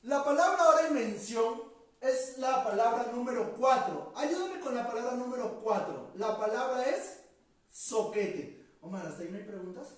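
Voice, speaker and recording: A man's voice: very high-pitched, expressive. Echoey, distant male teacher with tag questions. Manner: constant tag questions, drawn-out emphasized words. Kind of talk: vocabulary lecture. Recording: echoey room, distant mic.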